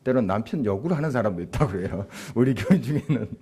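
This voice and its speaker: A man's voice: mid-range voice, animated, fast talker, mellow, slightly rough. A male pastor giving a conversational sermon, asking the congregation questions and chuckling as he speaks. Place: church sanctuary.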